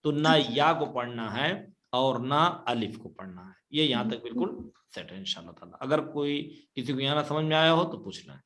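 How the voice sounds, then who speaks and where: Guy running an online quran reading class, keeps asking "got it?", slow careful recitation. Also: medium pitch, lively intonation, a bit bright. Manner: patient, repeats each rule and checks understanding; recites Arabic examples slowly and drawn out.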